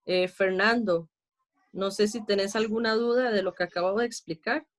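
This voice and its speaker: A woman's voice: mid-range voice, steady tone, normal speed. A Costa Rican woman teaching an online class, patiently explaining poetry meter step by step and counting syllables aloud. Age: adult with a child.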